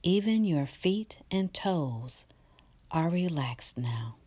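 A woman guiding a relaxation meditation in a soft, slow, partly whispered delivery. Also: sits low, expressive, no echo. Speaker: meditation guide.

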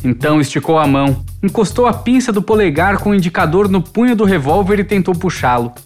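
An audiobook narrator reading a literary novel in a measured, expressive way. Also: medium pitch, faint music behind.

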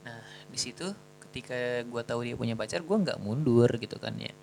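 A young man tells a story from his own life in a loose, chatty way, full of slang and jokes at his own expense. His low, gravelly voice stays at an ordinary middle pitch, and a faint hiss sits under the recording. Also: a little fast, a little mellow, poor audio. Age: young adult. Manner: chatty, slangy, self-mocking. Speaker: student telling a personal story. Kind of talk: casual storytelling.

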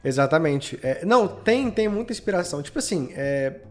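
Guesting on a podcast, this audio drama creator with a Brazilian accent rambles informally through explanations in a relaxed interview. He sounds fairly high-pitched and lively in intonation at a normal speed, over soft background music.

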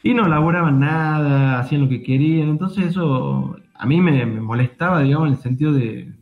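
A man's voice: on the high side, fairly quick. Argentine man on a tinny call line. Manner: reflective, hedging with frequent fillers. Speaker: interview guest. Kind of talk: casual conversation.

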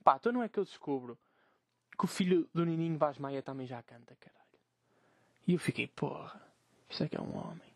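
A young man with a Portuguese accent rants animatedly on a solo podcast recorded in his bedroom. His voice sits high and races along, thick with swearing and mocking quotes. The sound is dry and close. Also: lively intonation, a little fast, creaky, pauses often, no echo. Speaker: podcast host. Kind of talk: casual solo podcast rant.

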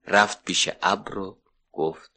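A man narrating a 1970s children's radio story, lively and expressive. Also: low-pitched.

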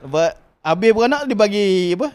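A high-pitched man, in his thirties, talks casually about his kids. He jokes often and laughs through his stories. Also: animated, brisk. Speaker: podcast guest father. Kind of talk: casual chat.

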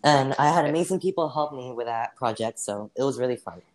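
In a casual mock interview, the guest takes on the role of a singer, speaking in an animated, brisk, mid-range voice. Answers come hesitantly and are padded with fillers, and slip-ups are laughed away.

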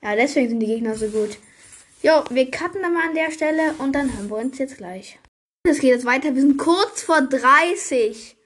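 A young woman hosting a gaming video, chatting casually with slang and excited gasps while she plays. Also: sits high, normal speed.

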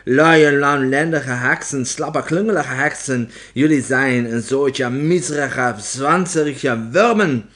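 A man's voice: mid-range voice, slow pace, few pauses, fairly bright tone. A man reading aloud and voicing a shrieking, sadistic female head witch from a storybook. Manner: screeching, spitting insults.

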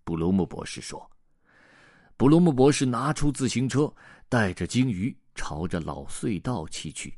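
A man narrating a children's picture book aloud in a lively, expressive way. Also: mid-range voice, moderate pace, dry recording, clean studio sound. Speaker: storyteller.

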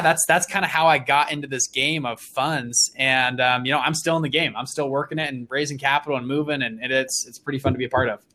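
A young man in his twenties, an interview guest, telling his story with energy and enthusiasm. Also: mid-range voice. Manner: energetic, enthusiastic, with frequent restarts.

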